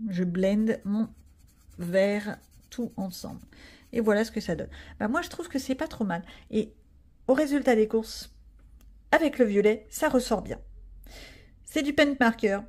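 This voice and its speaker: A woman talks casually through her coloring session, chatty and self-mocking with the viewers. Her voice sits a little high, but the tone is mellow and dark rather than bright. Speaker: coloring vlogger. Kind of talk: casual voice-over while coloring.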